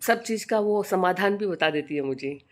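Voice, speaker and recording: An older woman vlogging in casual chat, telling fond stories about her granddaughter and raising her pitch to imitate the child. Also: expressive, normal speed.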